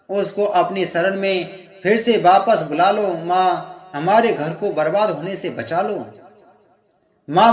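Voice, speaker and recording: A man voicing a tearful young wife pleading in prayer. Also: high voice. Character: grieving young wife praying to the goddess. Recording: echoey room.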